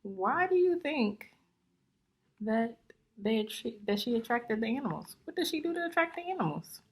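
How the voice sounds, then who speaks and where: A female teacher reads a picture book aloud to young children, going slowly and instructively and stopping to explain things and ask questions. Her voice sits fairly high and is very animated.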